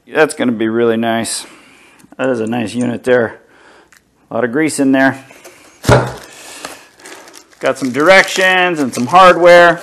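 Middle-aged guy in his garage, kinda high-ish voice, talks real slow while unpacking parts. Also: a bit bright, slight background noise. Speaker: home car builder. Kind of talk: casual unboxing commentary. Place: home garage workshop, indoors.

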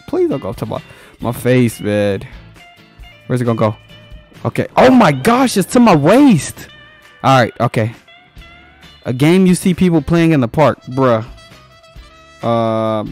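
A young man casually commenting on his own gameplay as a channel host, excitable and slangy, laughing often. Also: medium pitch.

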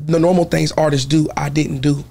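Gravelly-voiced young man from Kansas. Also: a little high, level tone, mellow. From Kansas, USA. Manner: candid, reflective, with halting restarts. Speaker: guest artist. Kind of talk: casual interview talk. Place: podcast studio. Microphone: studio mic on boom arm.

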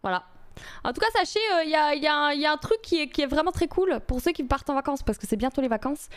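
A woman's voice: sits high, lively intonation, fast talker. A woman streaming live, chatting casually with her viewers in a rambling way, full of fillers and restarts.

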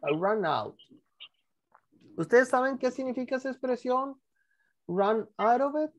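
A woman teaching English in an online class, drilling pronunciation slowly over a computer microphone. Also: on the high side, lively intonation. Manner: slow, drawn-out pronunciation drilling. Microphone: computer mic on a video call.

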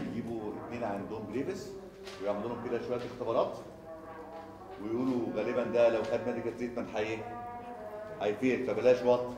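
A man's voice: medium pitch, far from the mic. Male surgery lecturer, Egyptian accent, repeats points and quizzes the class, very echoey hall. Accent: Egyptian Arabic. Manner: rapid, repetitive, quizzes students with rhetorical questions. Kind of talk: recorded lecture.

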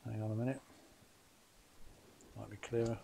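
A man's voice: on the low side, little pitch movement, moderate pace, vocal fry, warm tone. An English man who works on motorcycles, explaining each step as he strips down an engine in his basement workshop. He talks in a plain, methodical way and thinks aloud with small fillers. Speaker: motorcycle mechanic presenter. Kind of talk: hands-on workshop demonstration. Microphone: camera mic above the bench, hands only in frame. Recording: faint extractor fan hum. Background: extractor fan noise.

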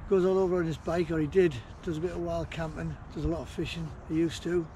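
A man's voice: on the high side, flat delivery, quick pace, mellow, dull audio, slight background noise. A man vlogging a fishing trip from a riverbank, chatting casually and rambling with fillers. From northern England. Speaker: angling vlogger. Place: riverbank outdoors. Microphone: action camera.

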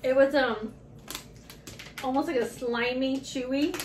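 A woman's voice: sits high, measured pace, noisy background. A chatty, giggly woman hosting a casual snack unboxing and taste test. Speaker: vlog host. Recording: echoey room, mic far off.

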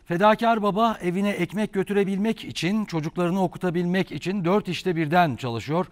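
A man in his forties anchors the news with a somewhat high voice. He reads scripted introductions in a television studio. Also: a little fast.

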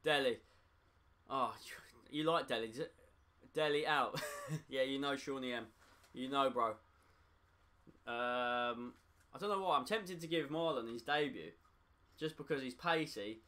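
Bright-voiced excitable young streamer man. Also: medium pitch. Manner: excitable, talks to chat, quick to frustration. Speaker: gaming streamer. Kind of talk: live gameplay commentary.

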